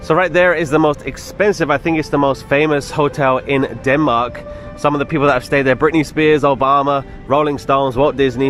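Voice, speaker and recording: A travel vlogger with a British accent that people often take for American narrates casually to camera as he walks through a city street outdoors. His voice is medium-pitched and a bit bright.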